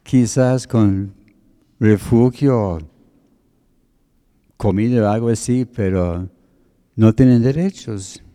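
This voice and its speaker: Male preacher, sermon teaching, very dark mellow tone, unhurried deliberate delivery. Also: lowish voice. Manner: slow, deliberate, explains word meanings.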